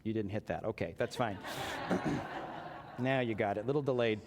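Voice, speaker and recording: A man's voice: on the low side, normal speed, heavy background noise. A man preaching a sermon as pastor, talking in a conversational way and joking with his congregation. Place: church sanctuary. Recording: long church reverb.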